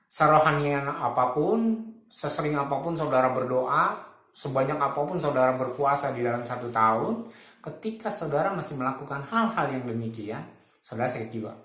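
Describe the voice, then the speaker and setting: A man's voice: medium pitch, fairly bright tone. Chuckling man in his fifties, roomy echo. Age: 50s. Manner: colloquial, chuckles often while making points. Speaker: speaker giving spiritual reflections. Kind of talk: casual reflective talk.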